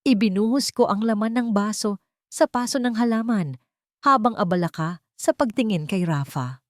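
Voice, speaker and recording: In a story, a woman voices a cool, composed billionaire who has been wronged, sounding cold, cutting, and accusing. She speaks at a normal speed in an animated way, pitching a little above her own voice while staying close to an everyday sound. The recording is dry, with clean studio quality.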